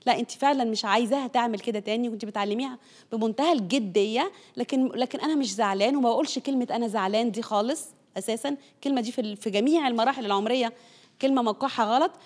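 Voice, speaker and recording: An earnest woman with an Egyptian Arabic accent explains parenting in a conversational teaching talk. She speaks at a rapid clip in a slightly high voice. She circles back over her points to make them stick. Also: a little mellow.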